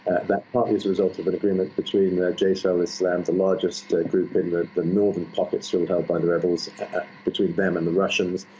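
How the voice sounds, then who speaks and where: A deep, mellow-voiced man reporting live as a news correspondent, coming through a muffled, low-quality stream link. A faint hiss sits under his voice, and he talks haltingly with many fillers and restarts. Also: level tone. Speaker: foreign correspondent. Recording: muffled lo-fi line with faint noise.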